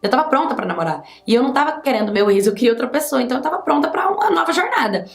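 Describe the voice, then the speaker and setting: A woman's voice: high-pitched, lively intonation, rapid-fire. A young woman with a Brazilian accent telling a personal story in a chatty, emphatic way. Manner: chatty, emphatic, many fillers. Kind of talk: casual storytime. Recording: echoey room.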